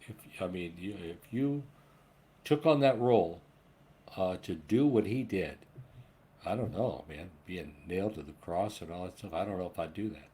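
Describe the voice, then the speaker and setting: A man's voice: low voice, normal speed, dark tone. A man in his sixties talking in a rambling, earnest monologue about spiritual matters, swearing casually now and then. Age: 60s. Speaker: spiritual vlogger.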